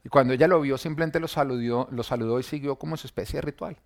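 His voice gravelly and medium in pitch, a church member moves at a quick pace through his sincere personal testimony. He recounts particular scenes, quoting people's words along the way.

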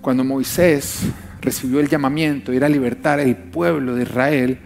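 A man's voice: mid-range voice, steady tone, moderate pace, gravelly, darkish tone. A middle-aged man preaching a sermon as pastor, impassioned and repeating phrases for emphasis. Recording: music playing behind the voice.

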